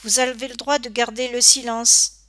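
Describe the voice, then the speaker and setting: A woman's voice: fairly high pitch, level tone, moderate pace, a bit bright, no room sound, studio quality, natural voice. A woman voicing a cheeky young boy who plays at being a police officer, with a mock-official, teasing manner, in a read-aloud children's story. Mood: mock-stern.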